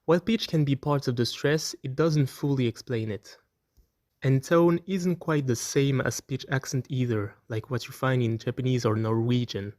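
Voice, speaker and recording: A man presenting an educational video, reading a scripted explanation in a clear, explanatory way and slowing down to demonstrate example words. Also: mid-range voice, darkish tone, no echo, clean studio sound. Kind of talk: scripted narration.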